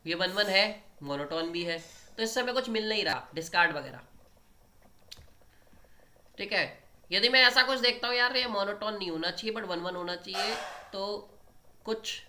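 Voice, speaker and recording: Bright-voiced man teaching maths. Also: high-pitched, expressive, moderate pace, pauses often, a little hiss or hum. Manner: explains step by step, often checks in with the students. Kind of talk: online exam-prep lecture at a board.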